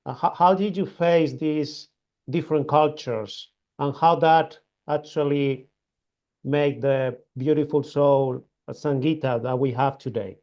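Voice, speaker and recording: A man hosting an interview, asking long questions in a hesitant way with many pauses. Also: a little high, fairly even intonation, a little mellow, dull audio. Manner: hesitant, many fillers and restarts. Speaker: host.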